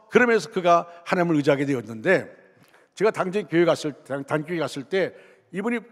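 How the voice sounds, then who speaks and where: Middle-aged male pastor, sermon storyteller, voices the dialogue and pushes hard on key points; a bit high-pitched, reverberant church. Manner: storytelling, acting out quoted dialogue, rising to forceful emphasis. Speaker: senior pastor. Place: church sanctuary. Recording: long church hall reverb.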